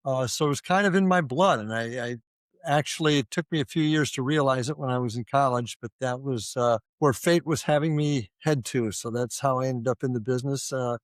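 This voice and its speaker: A man's voice: mid-range voice, a little fast, no room sound. An older man from Ohio, a retired police officer, talking casually as a guest with lots of fillers and restarts. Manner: rambling with many fillers and restarts. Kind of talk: casual interview conversation.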